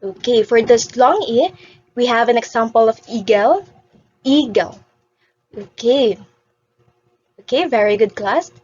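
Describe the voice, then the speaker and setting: Slightly high-voiced lady teaching vowels, repeats words for class, dull muffled audio. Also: moderate pace, pauses often, darkish tone, slightly rough. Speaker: English teacher. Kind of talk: beginner vowel lesson.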